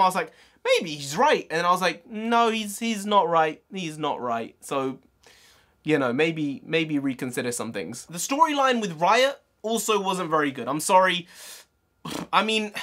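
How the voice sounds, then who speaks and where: A man with a bright, slightly high voice gives a casual film review. He is blunt and informal in how he shares his opinions.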